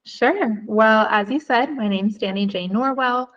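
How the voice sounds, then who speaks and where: A woman from the Chicago area, a guest author, speaks reflectively and warmly in a podcast interview, with occasional ums. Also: fairly high pitch, unhurried, dull audio. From United States, Chicago area.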